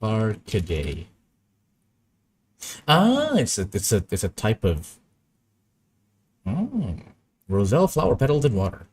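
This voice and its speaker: A man's voice: medium pitch, wildly swooping pitch, a little slow, pauses often, slight background noise. A young man chatting casually and rambling through stories while he works on an animation. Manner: rambling, anecdotal, easily amused. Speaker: animation streamer.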